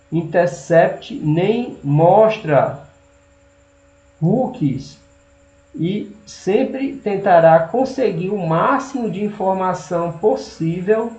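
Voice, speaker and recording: Slow, halting Brazilian man in a roomy recording. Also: on the high side, a little mellow. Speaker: presenter. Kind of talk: slide lesson, partly reading text aloud. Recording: roomy, dull audio with hum.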